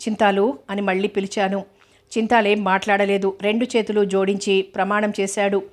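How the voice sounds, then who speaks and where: This audiobook novel is read by a woman whose mid-range voice stays steady and level, never rushing the story and keeping the pace even throughout.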